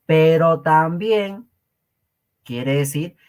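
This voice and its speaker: A man's voice: on the high side, extremely slow, a little mellow, clear, resonant tone. A man with a Peruvian Spanish accent teaching an online Quechua class, joking with his students and laughing often.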